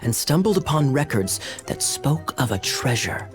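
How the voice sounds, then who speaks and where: An actor playing a theatrical, scheming cavalry captain in a video game, dramatic and grandiose, with music behind him. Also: male voice, mid-range voice, big pitch swings, normal speed, close to an everyday voice. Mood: grand storytelling.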